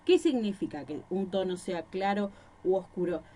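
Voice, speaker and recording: A woman's voice: mid-range voice, animated, moderate pace, mellow, slight background noise. Rosario-accented woman teacher, patient explainer, poses questions and answers them, mic in small room. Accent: Rosario Argentine Spanish. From Rosario, Argentina. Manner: explanatory, gives examples and asks rhetorical questions. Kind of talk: recorded class lecture. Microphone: microphone.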